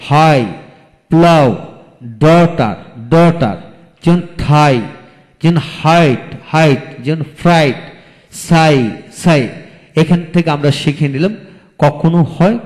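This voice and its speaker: A man's voice: on the high side, a little mellow. Man spelling out words in a reverberant room. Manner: spells words out letter by letter, then repeats them slowly. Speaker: English teacher. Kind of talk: recorded video lecture.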